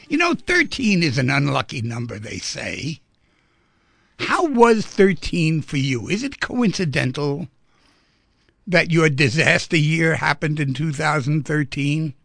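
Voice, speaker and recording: A man's voice: fairly high pitch, gravelly, a bit bright, no room sound. A man hosting a radio talk show, chatty and rambling, asking guests lots of questions. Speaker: radio host. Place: radio studio.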